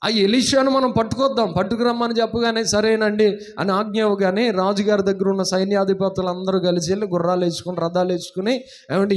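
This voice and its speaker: A man preaching a sermon as pastor, retelling a story and asking his congregation questions. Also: high-pitched.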